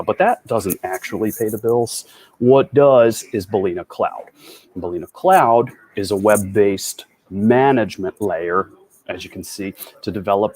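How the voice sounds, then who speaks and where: A man giving a fast, upbeat, conversational tech talk as a developer advocate over a video call. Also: mid-range voice, darkish tone. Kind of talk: tech meetup presentation.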